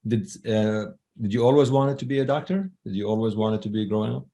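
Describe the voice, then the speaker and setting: A man hosting a podcast interview, enthusiastic and animated as he introduces his guest and asks questions. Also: lowish voice, a little fast. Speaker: podcast host.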